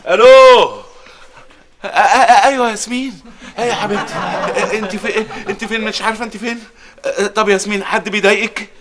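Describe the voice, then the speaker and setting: An actor with an Egyptian accent playing an excitable, doting father who is quick to snap at his slow-witted helper. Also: high voice, a crowd in the background, close to an everyday voice. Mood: frantic. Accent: Egyptian Arabic. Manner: fast, bright and snappy, quick to shout. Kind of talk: sitcom acting.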